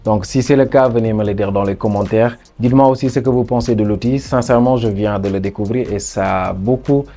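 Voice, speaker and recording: A man with a low, dark and mellow voice walks viewers through a software tutorial. He keeps it chatty and familiar, calling his audience "guys" and leaning on the same stock phrases as he clicks along. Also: a little fast, soft background music. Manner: chatty, repeats "bien sûr", addresses viewers as "les gars". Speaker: tutorial host. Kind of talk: screen-recorded software tutorial.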